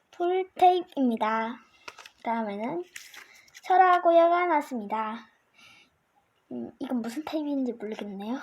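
A child with a high voice presents like an amateur video host. The delivery runs in short, formulaic announcements, one item at a time. There is faint noise and clicking in the recording. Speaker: amateur video host reviewing trading cards. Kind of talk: card-by-card show-and-tell commentary.

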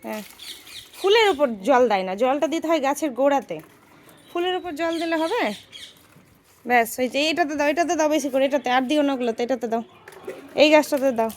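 A woman with a high, bright-pitched voice talks straight to her viewers from a rooftop, recorded on a phone. She keeps up an easy running chat and gives her child steady instructions, with faint outdoor noise and birds behind her. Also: brisk, long pauses. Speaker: vlogger and mother. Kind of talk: casual daily-life vlog.

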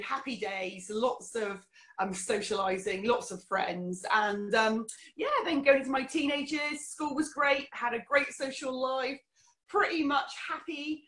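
A woman's voice: a little high, a bit bright. A middle-aged woman from England, candidly telling her life story as an interview guest, with many fillers. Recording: roomy echo.

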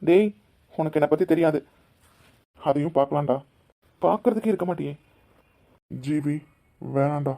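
A man voicing young men in a cartoon, talking in a rough, confrontational way. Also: fairly high pitch, normal speed, long pauses, dark tone. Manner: rough, confrontational street talk. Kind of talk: dubbed cartoon dialogue.

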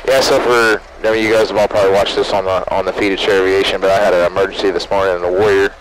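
A man's voice: low-pitched, flat delivery, very fast. A man, a private pilot, explaining things casually to viewers over a small plane's headset intercom. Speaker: private pilot and video host. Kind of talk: casual cockpit chat and radio calls. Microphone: aviation headset. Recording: headset intercom with engine noise.

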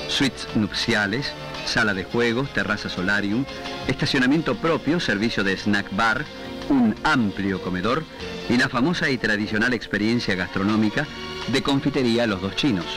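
Argentine man narrating an old newsreel. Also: on the low side. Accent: Argentine Spanish. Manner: measured, declamatory. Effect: old newsreel soundtrack. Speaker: newsreel announcer. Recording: old newsreel sound with music.

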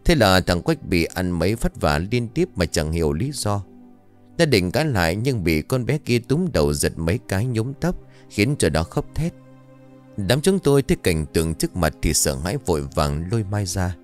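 A man narrating a ghost story in the first person, lively and expressive. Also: low voice, moderate pace, soft background music.

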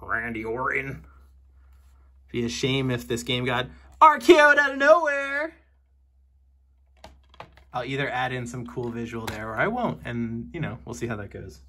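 Talking through his newly brought-home games, a young collector vlogger keeps his unboxing commentary chatty, wry, and full of jokes. He has a medium-pitched, sharp-toned voice with big pitch swings, a measured pace, and long pauses. The indoor home recording carries a little hiss or hum.

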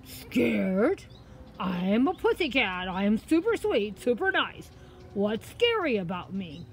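A woman's voice: medium pitch, big pitch swings, slow pace. A woman voicing a big, boastful, teasing Cheshire Cat in a children's story, full of emphatic questions. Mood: indignant, teasing. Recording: outdoor ambient noise, faint.

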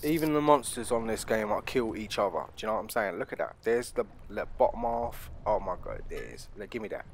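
Animated and brisk, a British man rattles through horror game commentary with few pauses in a fairly low, gravelly voice. The let's play is casual, slangy, and sweary, and he throws joking threats at viewers. Faint game ambience and slight background noise are audible.

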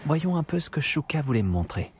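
An actor playing an earnest young wizard student in a video game, thinking aloud in a measured way. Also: male voice, on the high side, sing-song, background noise. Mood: earnest, pensive. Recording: game audio under loud music.

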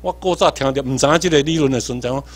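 A man from Tainan with a Taiwanese accent, giving an animated workshop lecture, quizzing the audience and swinging between emphatic and muttered asides. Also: mid-range voice, quick pace. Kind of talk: seminar lecture mixing Hokkien and English terms.

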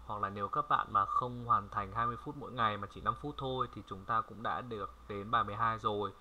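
A man from Vietnam giving a casual language lesson, chatty and repeating words slowly for viewers to copy. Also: on the low side, highs cut off, slight background noise. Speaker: French language tutor. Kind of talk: casual screen-recorded lesson.

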